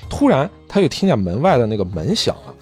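A man's voice: medium pitch, very animated, fast, a little mellow. A man hosting a podcast, casually retelling a manga story and briefly voicing the characters, with faint music behind.

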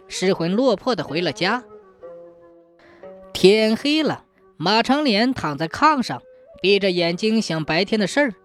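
A woman narrating a folk tale in a steady, expressive storybook reading. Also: mid-range voice.

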